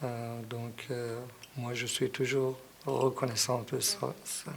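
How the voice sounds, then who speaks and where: A man's voice: medium pitch, little pitch movement, slow pace, creaky, slight background noise. A middle-aged Iranian man, a native Persian speaker with a Persian accent, answering interview questions, hesitant with many fillers and growing emphatic. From Iran. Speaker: interviewee, association president.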